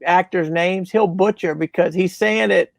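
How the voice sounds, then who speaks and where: A man's voice: high voice, steady tone, normal speed, creaky, no echo. A man in a casual podcast chat, easygoing and chuckling as he talks.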